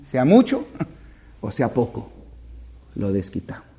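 A man preaching a sermon as a pastor, earnest, climbing to loud emphatic peaks and then falling soft and low. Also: wildly swooping pitch, takes it slowly, husky.

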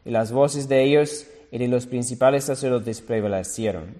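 Guy preaching, reads the bible slow and careful, mid pitch, long hall echo. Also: mellow. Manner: slow, deliberate reading with self-corrections. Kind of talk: sermon reading scripture aloud.

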